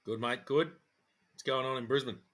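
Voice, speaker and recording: A man's voice: medium pitch, steady tone, normal speed, fairly bright tone, breathy edge. A middle-aged Australian man co-hosting a podcast in casual chat, with a blokey working-man manner full of slang. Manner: laid-back, blokey Aussie working-man talk with slang. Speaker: podcast co-host.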